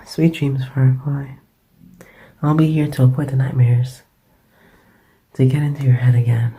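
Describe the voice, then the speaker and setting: A man playing a raspy gentle boyfriend, whispered role-play. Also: medium pitch, flat delivery, moderate pace. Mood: tender. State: sick. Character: gentle young male boyfriend soothing partner.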